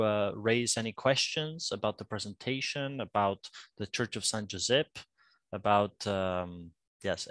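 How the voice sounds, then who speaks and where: A man's voice: medium pitch, a bit bright, no echo. Polite male webinar moderator, dry sound. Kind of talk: moderating an online question session.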